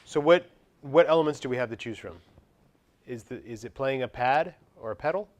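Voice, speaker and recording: A man's voice: mid-range voice, a little fast. A man teaching a music class, asking the students questions and singing short parts to illustrate them. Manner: quizzes students, scats examples. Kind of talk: classroom lecture.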